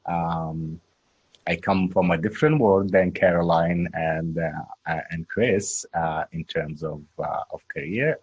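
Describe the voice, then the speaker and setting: A man from Sudan speaking as a human rights activist on a panel, measured and hesitant. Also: a bass voice, breathy edge, no echo, muffled recording. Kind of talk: panel talk.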